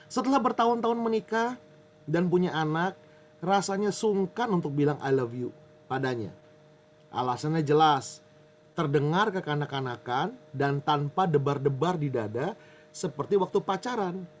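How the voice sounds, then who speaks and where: Male pastor, fairly high-pitched, lively sermon style, banters with the congregation, faint noise behind. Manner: jokes with the audience, reads a letter aloud.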